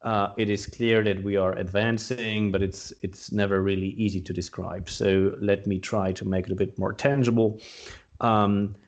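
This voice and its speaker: Curious low-voiced male podcast host. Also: flat delivery, moderate pace. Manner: curious, asks questions. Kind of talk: podcast interview.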